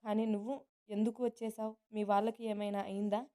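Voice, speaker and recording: A woman narrator voicing a caring, protective young man who speaks gently and reassuringly. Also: medium pitch, level tone, brisk, clear, resonant tone, close to an everyday voice. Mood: tender.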